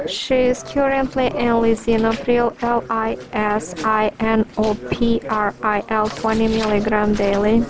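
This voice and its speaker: A woman doctor dictating a medical letter, speaking punctuation aloud and spelling out drug names letter by letter in a measured, deliberate way. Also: fairly high pitch, low-quality recording.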